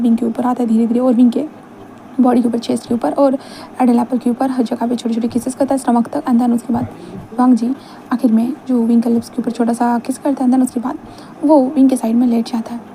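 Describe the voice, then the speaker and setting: A woman retells a fan fiction story in a loose, conversational way, her voice high yet dark and mellow. She strings the scenes together with everyday fillers. Faint noise lies under the recording. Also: flat delivery, fast talker, low-quality recording. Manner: conversational, fillers between lines.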